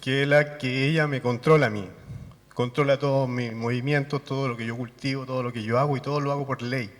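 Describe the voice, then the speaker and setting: A man's voice: medium pitch, steady tone, a little fast. A man from Chile, asking a question from the audience at a conference in a plain, earnest way. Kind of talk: question from the floor. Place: conference hall. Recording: long hall reverb.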